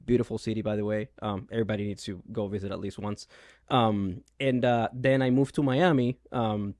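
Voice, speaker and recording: A man's voice: fairly low pitch, steady tone, fairly quick, darkish tone, dry recording, studio quality. A man in his thirties from Venezuela with a Venezuelan Spanish accent, a realtor answering interview questions with many ums and restarts. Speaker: realtor, guest. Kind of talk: casual interview.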